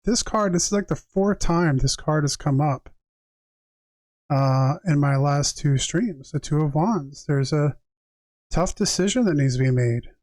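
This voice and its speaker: A tarot reader and live streamer with a moderately high, slightly mellow voice speaks a little slowly with lively intonation. The recording is very dry with no room sound or echo. He shifts between reading passages aloud and casual, reflective chat aimed right at his viewers.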